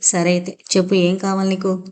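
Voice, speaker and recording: A woman reading as a gentle young man from an audio novel, soft and coaxing as he speaks. She keeps her own middle pitch and does not lower it for him. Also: monotone, fairly quick, natural voice. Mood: cheerful.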